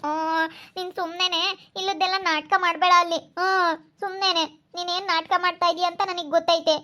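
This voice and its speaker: A woman's voice: very high voice, level tone, fairly quick, sharp tone. A woman voicing a young village woman who nags and scolds in a Hiriyur Kannada accent. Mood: scolding. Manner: nagging, scolding, complaining.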